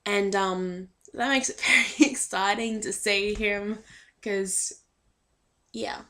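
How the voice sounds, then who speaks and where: A woman's voice: medium pitch, slow, fairly bright tone. A young woman chatting casually in a fan vlog, hesitant and full of filler ums, a little shy. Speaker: vlogger.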